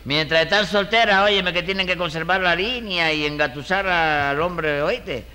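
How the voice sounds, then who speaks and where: An actor playing a fast-talking, argumentative male defendant in a radio comedy. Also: high voice, bright, forceful tone. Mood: holding forth. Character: bold, wisecracking male courtroom defendant. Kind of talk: 1940s radio comedy acting. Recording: reverberant old radio recording.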